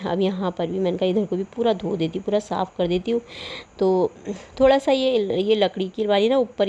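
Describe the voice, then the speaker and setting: A woman's voice: mid-range voice, darkish tone. A middle-aged woman vlogger, a mother, chatting casually in voice-over about her housework. She rambles, laughs often, and has a cold with a sore throat.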